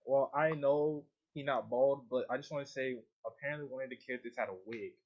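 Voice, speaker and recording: A man's voice: medium pitch, steady tone, a little fast, dull audio. A man in a casual podcast chat, playful and teasing, talking in slang. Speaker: podcast guest.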